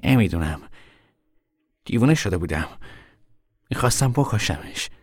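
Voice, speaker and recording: A man's voice: expressive, husky, no room sound, clean studio sound. An actor playing a weary young man on the run who talks in a tired, grim way. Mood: shaken. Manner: tired, grim, low-voiced.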